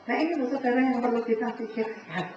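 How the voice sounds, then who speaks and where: A woman giving a preaching talk to a congregation, animated, acting out conversations and often addressing her listeners directly. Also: a little high, quick pace. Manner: animated, acts out dialogue, keeps addressing the listeners. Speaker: speaker at a church family fellowship. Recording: echoey hall from far off, dull sound, faint noise.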